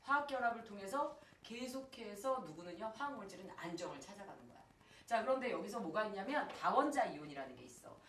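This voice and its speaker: A woman in her thirties teaching high school chemistry, her pitch swinging up and down as she talks. She keeps firing questions at the class and answering them herself, breaking off into a personal story. She sounds a little distant in a reverberant room with faint ambient noise. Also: sing-song, fast, fairly bright tone. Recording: echoey room, far from the mic, faint ambience.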